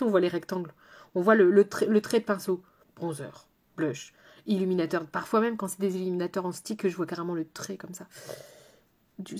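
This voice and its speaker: A woman's voice: mid-range voice, darkish tone. A woman makeup artist talking casually through a makeup tutorial, speaking straight to her viewers with playful asides to someone off camera. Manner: chatty, addresses viewers directly.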